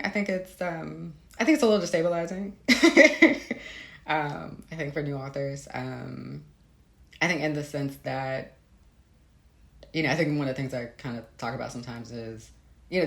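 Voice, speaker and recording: An American author being interviewed has a very deep voice with a gravelly fry. She's informal, reflective and hesitant, laughs often and says "like" and "you know" a lot, feeling her way through thoughts in casual chat. The recording has a noticeable roomy echo and faint background noise.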